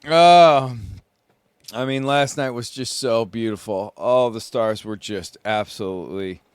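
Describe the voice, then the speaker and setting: A sleep-deprived man rambles groggily to his recorder, unhurried and meandering. His voice is smooth and clear. The sound is close and dry. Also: mid-range voice, dry recording. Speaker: podcast host, solo sailor. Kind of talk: casual self-recorded monologue. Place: small sailboat at sea.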